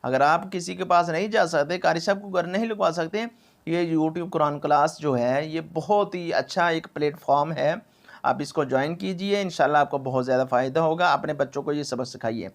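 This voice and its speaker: A man teaching Quran recitation, drawing out syllables slowly to demonstrate and repeating words over and over, then explaining at a brisk pace. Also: on the high side. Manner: repeats words again and again for practice. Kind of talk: tajweed lesson, explaining and demonstrating.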